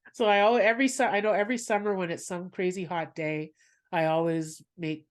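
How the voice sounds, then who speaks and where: At medium pitch and normal speed, a woman who is a comedian and podcast host talks casually with a guest, often laughing and drifting into tangents.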